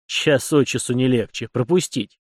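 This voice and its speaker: A man's voice: mid-range voice, moderate pace, no echo, close to an everyday voice. Stern commanding captain, clipped and strict, read by a man in a dry, close recording. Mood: curt. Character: stern commanding middle-aged male captain.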